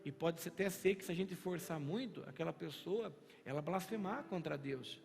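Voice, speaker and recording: A man's voice: a little high, normal speed, creaky. A male pastor with a Brazilian Portuguese accent preaching a sermon in a church, telling stories and acting out the dialogue. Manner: storytelling, animated, acts out dialogue. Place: church sanctuary. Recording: reverberant church hall with faint music.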